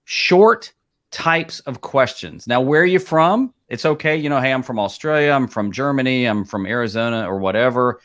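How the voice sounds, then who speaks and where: A man's voice: medium pitch, expressive, moderate pace, fairly bright tone. A man co-hosting a live streaming advice show, talking casually in a rambling way with many restarts and fillers. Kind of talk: casual chat.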